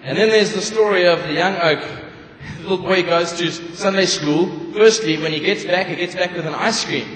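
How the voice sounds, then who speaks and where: A male stand-up comedian telling jokes on stage and acting out the characters in them with big jumps in pitch and loudness. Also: normal speed, slight background noise. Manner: acts out characters in his jokes with big shifts in pitch and volume. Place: large hall at a stand-up festival. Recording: echoey live hall, long reverb.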